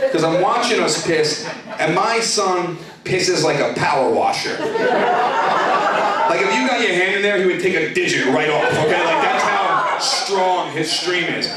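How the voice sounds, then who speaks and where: A man in his thirties doing a profane stand-up comedy set, working the crowd in a comedy club. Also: on the high side. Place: comedy club stage with laughing audience. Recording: echoey club, distant mic, crowd laughter.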